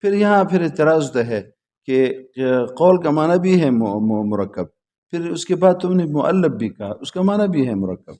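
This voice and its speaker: Mellow-voiced man teaching a class. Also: on the high side, very animated. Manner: quizzes students, then repeats their answers; patient, repetitive explaining. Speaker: religious school teacher. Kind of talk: classroom lecture on logic.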